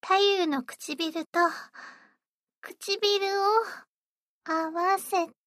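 A woman's voice: extremely high pitch, steady tone, drawn-out words, fairly bright tone, no room sound, studio quality, full character voice. A woman voicing a sweet, eager young maid-café hostess who speaks politely and dotingly. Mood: tender. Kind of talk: roleplay audio drama.

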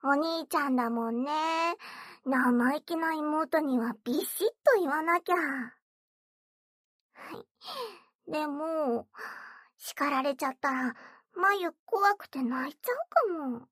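A mocking, coy young stepsister, played by a woman, in a whispered role-play. Her voice sits high, and she drawls her taunts slowly and playfully. The sound is close and dry, with no room around it. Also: fairly bright tone, no echo. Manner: taunting, giggly, coaxing.

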